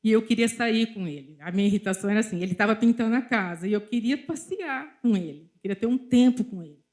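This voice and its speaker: Telling stories from her own life, this middle-aged preacher delivers a sermon at church in a Brazilian Portuguese accent, frequently addressing the congregation directly. Her voice leans high and a little mellow, and she speaks quickly.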